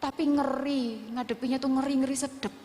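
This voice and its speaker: Preacher woman, middle-aged, higher voice, heartfelt testimony in a hall with long echo. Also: fairly even intonation, fairly quick, mellow, a little hiss or hum. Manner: storytelling with Javanese words mixed in, emotional. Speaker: preacher at a women's church service. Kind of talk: sermon testimony. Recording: long reverb of a church hall.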